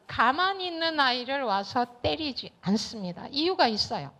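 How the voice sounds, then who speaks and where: A woman giving a lecture to teachers, acting out little dialogues between children, parents and teachers in an animated way. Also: high voice, normal speed. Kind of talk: lecture with acted-out dialogue examples. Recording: dull lo-fi lecture recording.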